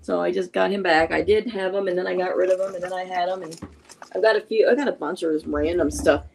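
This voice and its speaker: Stream host, rambling, chatty, gravelly edge, mid pitch. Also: steady tone, fast. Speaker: host of a collecting live stream. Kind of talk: casual chat.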